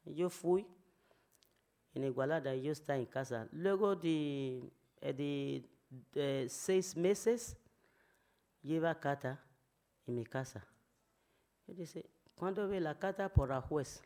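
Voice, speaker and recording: A woman who is not a native Spanish speaker, speaking halting learner's Spanish with many fillers and an emotional, pleading tone as she gives a personal testimony. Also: low voice, mellow.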